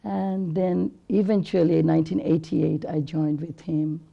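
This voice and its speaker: A woman's voice: deep voice, little pitch movement, normal speed, creaky, dark tone, dull audio. A woman in her fifties, a classical singer talking earnestly in an interview with loose, rambling phrasing. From Bangladesh. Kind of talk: conversational interview.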